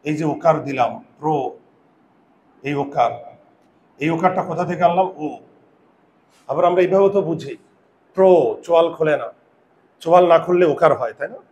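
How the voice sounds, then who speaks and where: A man teaching a grammar lesson to a class. He repeats rules, slowly draws out example words and keeps checking that students follow. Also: on the high side, a little mellow, roomy sound, muffled recording. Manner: repeats rules, quizzes students with "বোঝা গেল?"; patient, drawn-out pronunciation of example words.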